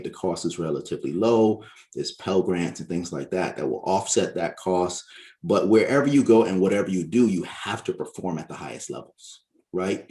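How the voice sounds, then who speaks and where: A man from Barbados, a guest author on a podcast interview, explaining his points in a measured way and often checking in with "right?". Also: low voice, mellow.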